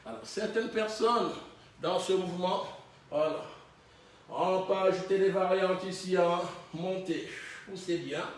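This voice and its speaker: A man leading a Pilates class, counting reps and giving calm encouraging cues. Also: sits high, measured pace, recorded from a distance. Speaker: Pilates instructor. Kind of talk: guiding a fitness class. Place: fitness studio, indoors. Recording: very echoey gym room from afar.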